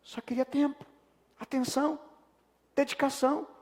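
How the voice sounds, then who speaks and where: A man's voice: very high voice, steady tone, normal speed, darkish tone. A man from Brazil, preaching a sermon as pastor and telling stories while he acts out their characters. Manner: storytelling preacher, acting out the people in his stories. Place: church sanctuary. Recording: long church reverb.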